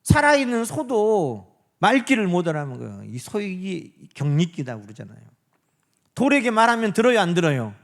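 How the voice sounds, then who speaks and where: A man preaching a sermon as pastor, asking the congregation questions and answering them himself, and acting out quoted speech in a softer voice. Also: sits high, huge pitch swings, moderate pace. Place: church sanctuary.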